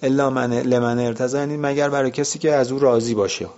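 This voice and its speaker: A man's voice: mid-range voice, fairly even intonation, a little mellow, highs cut off. A man teaching a vocabulary lesson, explaining words one by one and asking and answering his own questions.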